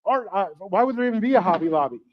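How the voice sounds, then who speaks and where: Male pastor, high-pitched, joking with the congregation mid-sermon; dull, lo-fi church livestream sound. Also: expressive, fast talker. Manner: joking, conversational, asks questions to the congregation.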